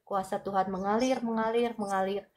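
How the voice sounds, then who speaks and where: A woman's voice: mid-range voice, fairly even intonation, normal speed. Lady on a phone livestream praying hard for healing, repeating lines over and over. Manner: fervent, repetitive prayer chanting with soft asides. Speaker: livestream prayer minister. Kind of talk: live-streamed healing prayer. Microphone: phone for a live stream.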